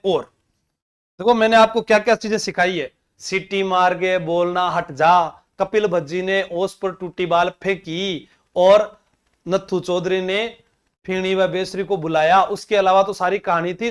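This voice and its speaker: A man's voice: sits high, clean tone. A man teaching an exam-prep lesson, playfully drilling memory tricks by repeating words. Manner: playful, drills terms by repetition.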